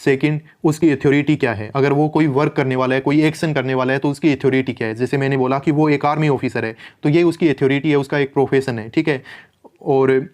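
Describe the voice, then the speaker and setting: A man's voice: medium pitch, fairly even intonation, darkish tone. Man coaching in a conversational explainer. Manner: conversational, fillers and English terms mixed in; slows right down to read out English rules. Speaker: exam coach. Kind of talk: instructional explainer.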